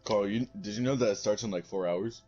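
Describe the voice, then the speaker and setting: A man's voice: fairly low pitch, a little fast, a little mellow, slightly rough, dull audio, faint music behind. A young man in casual gaming chat who talks bluntly, swears often and trips over his words. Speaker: friend on call.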